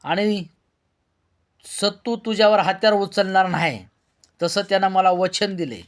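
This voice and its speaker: A grave, reproachful village mother from a storybook, read by a male narrator. She speaks in a fairly high voice kept close to the reader's own, with a steady, weighty tone. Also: measured pace. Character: stern older village mother, woman.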